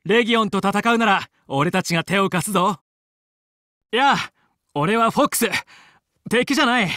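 A man playing a young, confident fox space pilot and team leader in a video game, brisk, determined and commanding yet friendly. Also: sits high, pushed and bright, no room sound, studio quality. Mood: friendly, earnest. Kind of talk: Japanese video game voice acting.

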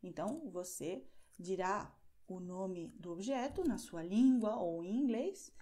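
A woman gives a beginner lesson, saying each model phrase slowly and then repeating it. Her voice is dark and mellow, and her pitch moves up and down a lot. She takes her time over every word. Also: animated. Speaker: Portuguese teacher. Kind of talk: slow, clearly articulated teaching.

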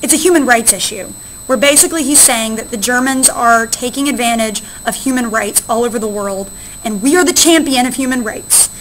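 Woman teacher, kinda high voice, walking students thru history slides, lots of "right?". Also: fairly bright tone, a little hiss or hum, low-quality recording. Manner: explanatory, checks in with frequent "right?". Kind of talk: recorded classroom lecture.

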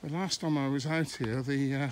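With a mid-range, steady voice, a middle-aged English walking vlogger narrates his trek through country lanes and fields, phone in hand, pausing halfway through thoughts. Faint sounds of the outdoors sit behind him.

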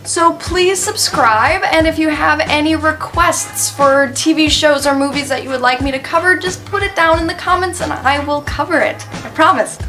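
A woman's voice: sits high, normal speed, hardly any pauses, bright, forceful tone, faint music behind. A young woman hosting an art and film vlog, chatty and playful, poking fun at her own slips. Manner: playful, self-mocking, stumbles and laughs at herself. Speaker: host of an art and film channel. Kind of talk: casual talking-to-camera vlog.

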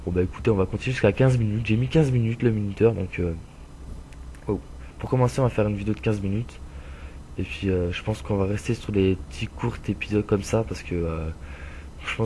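A man's voice: on the low side, slight background noise. Stuffy-nosed young man narrating a truck game. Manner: swears often, rambling, many fillers; bursts of loud frustration at other drivers. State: stuffy nose. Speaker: gameplay commentator. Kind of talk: casual gaming commentary. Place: home room with a dog playing nearby.

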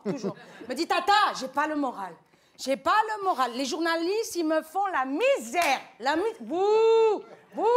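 A brash Tunisian aunt. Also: female voice, sits high. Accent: Tunisian French. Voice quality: loud, teasing, rambling. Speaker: comic guest. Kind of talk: TV comedy sketch character. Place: TV studio. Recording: studio audience laughter.

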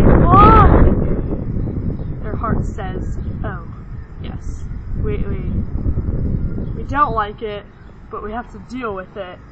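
A young woman rambling in a goofy, random comic vlog, slipping into silly voices, recorded on a muffled webcam mic with loud background noise. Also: medium pitch. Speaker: vlogger.

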